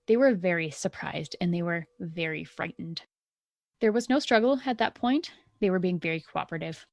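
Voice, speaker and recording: A woman's voice: mid-range voice, a little mellow, no room sound. Young woman podcast host, casual true-crime narrator, blunt and foul-mouthed, dry close sound. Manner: blunt, indignant, swears freely.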